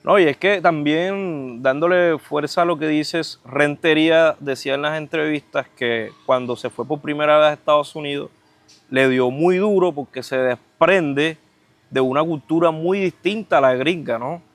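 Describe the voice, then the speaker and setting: A man's voice: fairly high pitch, moderate pace. A man with a Caribbean Spanish accent from Cartagena, Colombia, hosts a casual conversation, agreeing and building on what is said. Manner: agreeing, builds on the other speaker's points. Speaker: podcast host.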